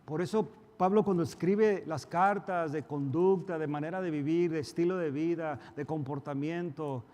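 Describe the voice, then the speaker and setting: A male pastor preaches in a fairly high voice. He is emphatic, acting out quarrels in a raised voice, then dropping to quiet asides. The sound carries a long reverb from the church hall. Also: moderate pace, highs cut off. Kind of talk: sermon.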